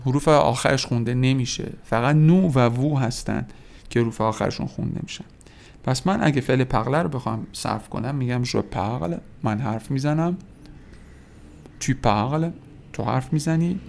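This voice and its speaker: A young man talks through a podcast language lesson at an easy, patient pace. His voice sits at a middle pitch with a gravelly, fry-tinged texture. He pauses often with filler sounds as he explains each point. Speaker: French teacher. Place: indoors near a window.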